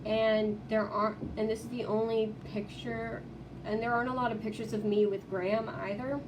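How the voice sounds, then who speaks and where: A woman's voice: fairly high pitch, level tone, normal speed, distant mic, noisy background. Young woman vlogging from a dorm room. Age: young adult. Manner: rambling, many fillers and restarts. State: tearful, voice breaking. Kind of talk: casual dorm tour vlog.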